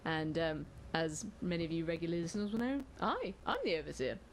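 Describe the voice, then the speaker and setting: A woman hosting a comic role-play podcast in a dry, deadpan, self-mocking way, with hesitant fillers. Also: sits low, fairly quick, a little hiss or hum, poor audio. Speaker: podcast host.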